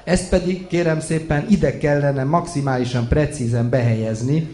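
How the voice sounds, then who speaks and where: A man reading out a tipsy, boastful man who fixes wiring, shouting loudly and excitedly. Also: medium pitch, lightly acted. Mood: boisterous. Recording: echoey room.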